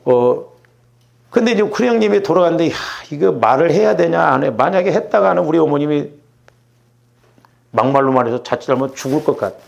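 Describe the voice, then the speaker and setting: At a Wednesday prayer service in a church sanctuary, a middle-aged male pastor from Jeolla preaches in a chatty way, constantly asking the congregation "응?", or "right?". He has a fairly high, creaky, darkish voice with lively intonation and a slightly fast pace, and the highs in the audio are cut off.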